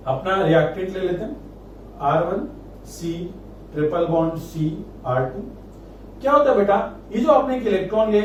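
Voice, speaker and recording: A man's voice: high-pitched, a little mellow. A man teaching chemistry in speech, coaxing students and answering his own questions. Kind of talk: classroom lecture. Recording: echoey room, distant mic, faint noise.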